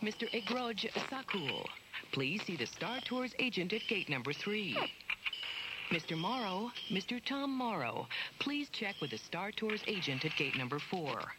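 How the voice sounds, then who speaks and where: A woman playing a spaceport gate announcer, making formal, measured announcements over a PA system. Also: mid-range voice, big pitch swings, very noisy. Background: loud music.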